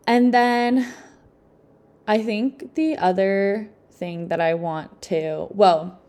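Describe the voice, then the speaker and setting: A young adult woman hosts a self-help podcast, speaking extremely slowly in a steady, mid-range voice with a dark tone. Her advice is casual and chatty, upbeat and encouraging, and she fills her informal talk with frequent "like"s.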